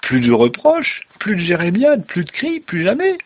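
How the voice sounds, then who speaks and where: A man reading a storybook who voices an easygoing, bewildered bearded old man in a raised, animated voice. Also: medium pitch, a little fast, dull audio, natural voice. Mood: gleeful.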